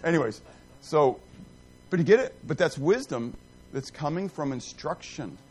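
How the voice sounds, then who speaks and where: Slight background noise accompanies a middle-aged man whose voice is a little high and whose pace is normal. He teaches a Bible class in an animated, rambling way, teasing himself and quizzing and joking with his students.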